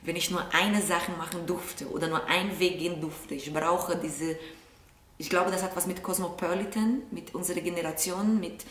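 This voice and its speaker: A woman's voice: on the low side, fairly even intonation, normal speed, a bit bright. A young woman from Brazil with a Brazilian Portuguese accent, chatting thoughtfully to camera from her sofa. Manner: thoughtful, gestures a lot with her hands. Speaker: vlog host answering viewer questions. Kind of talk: casual chat to camera. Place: living room, seated on a sofa. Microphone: camera a short way off. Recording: roomy sound, mic at a distance.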